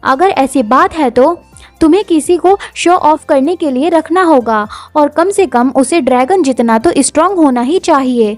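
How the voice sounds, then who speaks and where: A woman's voice: high voice, moderate pace, no echo, lightly acted. A clingy young nobleman who dotes on the girl he likes, as a woman puts him on in a manhwa recap. He talks in a pleading, affectionate way and sounds dry and close, with no room around him.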